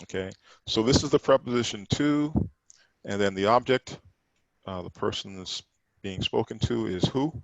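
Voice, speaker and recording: A man leads a Sabbath study class with a low, gravelly voice. He explains patiently but emphatically, hammering points home by repeating words. The sound is dry and close. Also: moderate pace, dry recording, dull audio. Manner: explanatory, emphatic, repeats words while correcting others' pronunciation. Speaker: teacher.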